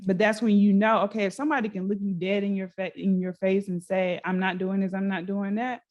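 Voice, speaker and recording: A woman co-hosting a casual podcast chat. She tells stories in an animated way, slipping into the voices of the people she quotes. Her voice sits at a middle pitch for a woman. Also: brisk, muffled recording. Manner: animated storyteller acting out quotes. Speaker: podcast co-host.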